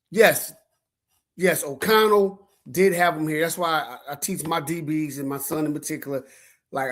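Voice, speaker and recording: A man hosting a casual sports commentary livestream, talking in slang and repeating words when he gets worked up. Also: fairly high pitch. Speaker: sports show host.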